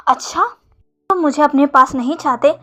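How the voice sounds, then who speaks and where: A woman's voice: high-pitched, normal speed, lightly acted. A woman voicing a cheeky, stubborn young married man who talks back defiantly, in a storybook retelling. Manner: defiant, teasing, then wailing.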